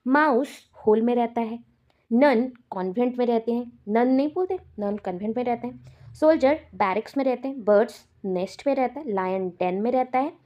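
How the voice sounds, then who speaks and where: A woman's voice: a little high, normal speed, dull audio. A woman teacher from India giving an exam-prep lecture, explaining terms step by step and repeating the key words.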